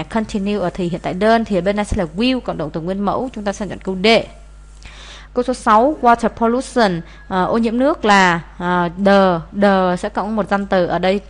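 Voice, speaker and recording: A woman, teaching as she explains answers to an English test, with many "à" fillers. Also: mid-range voice. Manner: frequent "à" fillers, steady explaining.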